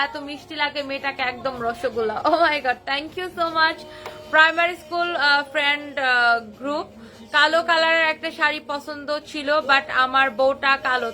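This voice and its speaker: Young woman doing a live sari sale, super excited, high voice, kinda far from the mic. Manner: excited, gushing over colors. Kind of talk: live shopping stream.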